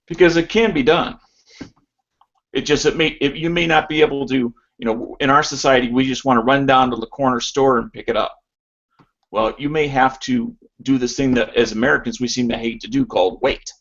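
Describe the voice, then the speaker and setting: A man's voice: mid-range voice, fairly even intonation, a little fast, a bit bright, muffled recording. A man hosting a casual voice chat, opinionated and prone to stammers and restarts.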